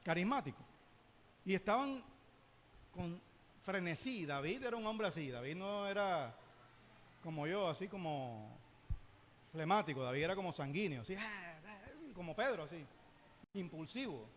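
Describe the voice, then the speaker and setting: A man with a high voice leads a church Bible lesson, breaking into playful asides and asking his listeners questions. His voice rings out with a long reverb around the church, with a faint hiss beneath it. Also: normal speed, pauses often. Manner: lively, joking asides and rhetorical questions. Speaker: Sunday school teacher.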